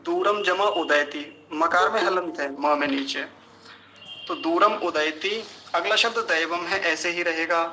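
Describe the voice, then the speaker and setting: धीमे, साफ़ बोलने वाला पुरुष शिक्षक. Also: male voice, fairly high pitch, bright, forceful tone, a little hiss or hum, poor audio. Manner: slow, careful syllable-by-syllable enunciation; chants the verse in a sung tone. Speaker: Sanskrit teacher. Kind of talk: pronunciation lesson.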